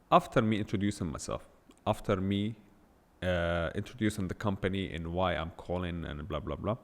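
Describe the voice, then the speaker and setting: A low-pitched male voice with a long reverb tail belongs to a solo podcast host speaking without a script. He's blunt and emphatic, keeps throwing out rhetorical questions, and English isn't his first language.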